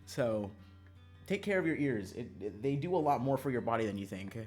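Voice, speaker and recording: Chatting with his audience during a visual novel stream, a man swears freely and speaks with animation and emphasis, background music running. His pitch is mid-range and his pace brisk.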